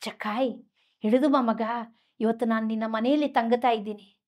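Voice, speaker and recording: A woman preacher voicing a gentle, loving man who calls out tenderly in a lowered, calm voice. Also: normal speed, natural voice.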